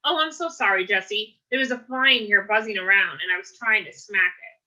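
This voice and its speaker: A woman reading aloud, voicing a chirpy, lively young woman at an office desk. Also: medium pitch, moderate pace, poor audio. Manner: chirpy, flustered.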